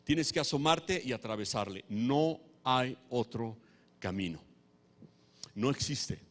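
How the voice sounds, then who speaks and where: A man's voice: medium pitch, expressive, slow pace. A man preaching a sermon, emphatic and repeating his key phrases over and over. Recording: long hall reverb.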